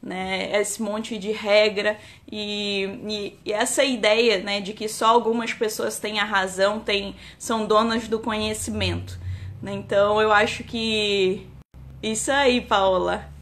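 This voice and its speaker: Chatting on a live stream, a woman in her thirties from Rio de Janeiro, Brazil, an enologist with a Carioca Brazilian Portuguese accent, speaks at a measured pace. Her voice is medium-pitched, a bit bright, and flat in delivery. She relies on many "né" and "tá" fillers and keeps restarting.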